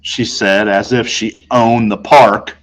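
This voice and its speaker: A playful man reads a children's novel aloud, narrating expressively in a boy's first-person voice. He speaks slowly, with a lowish voice and fairly even intonation.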